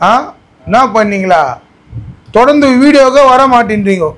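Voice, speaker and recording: A man in a comedy skit, teasing and scolding with quick repeated commands. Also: high-pitched, lively intonation, a bit bright. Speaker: comedy video creator.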